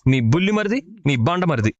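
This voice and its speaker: A man's voice: fairly high pitch, sing-song, fairly quick, no echo, muffled recording. An actor playing a talkative, theatrical young man who speaks in grand, long-winded phrases. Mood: playful. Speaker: actor in a TV serial. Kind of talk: TV serial acting.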